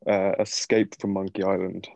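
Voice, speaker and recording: A man's voice: deep voice, monotone, moderate pace, vocal fry, darkish tone, no room sound. A man playing along in a casual quiz, answering in a matter-of-fact way. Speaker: quiz contestant. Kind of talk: casual podcast quiz chat.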